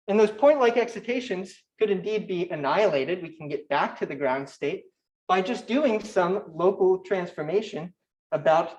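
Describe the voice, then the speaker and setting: A young man giving a technical conference talk, talking quickly with frequent fillers and restarts. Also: high voice, darkish tone, highs cut off. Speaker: conference speaker. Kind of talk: academic talk.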